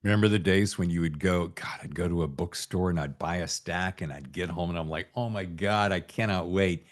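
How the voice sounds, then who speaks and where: A middle-aged man hosts a casual podcast chat, rambling and salty-tongued as he tells his stories. His voice sits low and he talks briskly.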